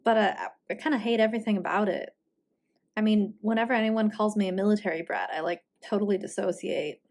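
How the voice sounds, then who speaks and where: A woman's voice: mid-range voice, fairly even intonation, fast, a little mellow, close to an everyday voice. A wary seventeen-year-old teen, played by a woman, talks hesitantly and fills gaps with awkward little fillers. The frustration is close to the surface in this indie audio drama.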